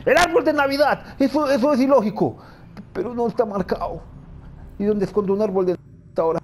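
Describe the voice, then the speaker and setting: A man's voice: high voice, brisk, a little mellow, slight background noise. A man giving frantic let's-play commentary, talking to himself and repeating words. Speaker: gamer.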